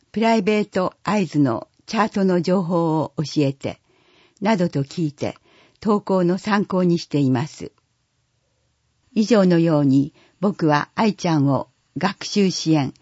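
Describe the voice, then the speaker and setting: Measured reader in a dull, dry recording. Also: medium pitch, darkish tone, slightly rough, no echo. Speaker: reader of a newsletter for the blind. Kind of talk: read-aloud audio newsletter.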